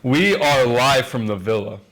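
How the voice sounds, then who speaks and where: A man's voice: mid-range voice, unhurried, a bit bright, low-quality recording. A young man talking as a podcast guest in casual, slangy, sweary chat with a friend. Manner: informal, slangy speech. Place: villa on a Greek island, in-person podcast.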